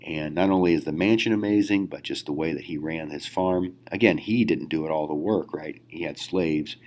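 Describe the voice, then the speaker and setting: A man teaching a history lesson in a relaxed, conversational way, with many fillers and rhetorical questions. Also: very deep voice. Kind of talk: recorded classroom lecture.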